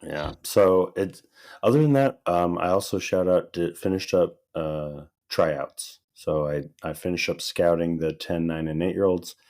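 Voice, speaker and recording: A very low-pitched man chatting casually as a podcast co-host. His voice sounds slightly hoarse and dry, as if it is still recovering. He tells stories in a relaxed way and laughs often. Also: measured pace. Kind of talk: casual chat.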